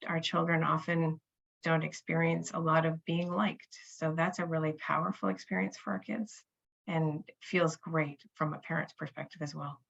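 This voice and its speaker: A woman's voice: on the low side, gravelly, fairly bright tone, lo-fi sound. A woman hosting a professional webinar, explaining in a conversational way over a video call. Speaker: webinar host.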